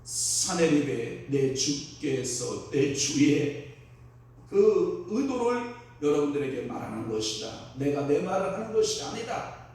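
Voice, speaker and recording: A man's voice: on the high side, very animated, slow, a little mellow, distant mic. A male pastor preaching an expository sermon, emphatic and often quizzing the congregation with questions. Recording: very echoey hall, speaker away from mic.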